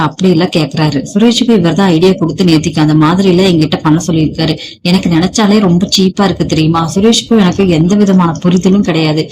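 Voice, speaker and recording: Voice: medium pitch, darkish tone, a little hiss or hum, natural voice, low-quality recording. A storyteller reading the lines of a defiant, angry young married woman who speaks sharply and scoldingly.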